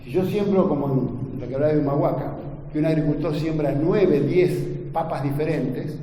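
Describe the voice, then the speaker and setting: A man's voice: on the high side, moderate pace, mellow. Man lecturing in an echoey hall. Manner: earnest, addresses the audience with frequent tag questions. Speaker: agronomy lecturer. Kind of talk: academic lecture to an audience. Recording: echoey lecture hall, faint ambient noise.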